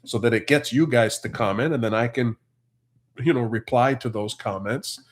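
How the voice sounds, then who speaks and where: A Canadian man in his forties or fifties, with a Canadian accent, hosts a farm channel livestream and reads viewers' live comments aloud. His medium-pitched voice moves at a normal speed, and the casual chat is easygoing and chatty, with frequent laughter.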